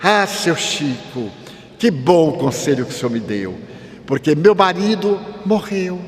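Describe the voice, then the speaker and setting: A man's voice: fairly high pitch, big pitch swings, a little slow. A man voicing a grieving widow who pleads earnestly, in a reverberant hall. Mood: pleading. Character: grieving widow, middle-aged woman, earnest. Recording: reverberant hall, faint ambience.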